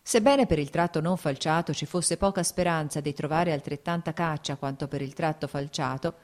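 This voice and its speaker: A woman reading a classic novel aloud as an audiobook, steady and measured. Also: deep voice. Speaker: audiobook narrator.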